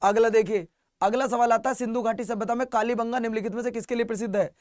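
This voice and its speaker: A man's voice: very high voice, fairly even intonation, fast, darkish tone, no echo, studio quality. A man teaching an exam-prep class, quizzing his students and repeating each answer back to them. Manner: repetitive call-and-response quizzing. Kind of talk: online class lecture.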